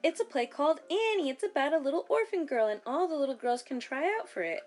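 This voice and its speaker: A woman doing an excited little girl. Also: sits high, fast talker, faint music behind, pitched above the performer's own voice.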